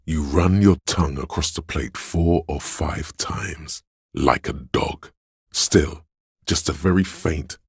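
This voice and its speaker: A video game voice actor gives an exaggerated performance as a very deep, seductive male tempter, the hedonistic inner voice of addiction and craving. His dramatic second-person narration is smooth and insinuating, sly and savoring every word. The studio-quality recording has no echo.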